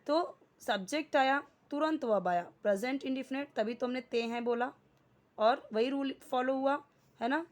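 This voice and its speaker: A woman's voice: sits high, moderate pace. A woman teaching an English grammar lesson in Hindi, explaining each word and asking and answering her own questions.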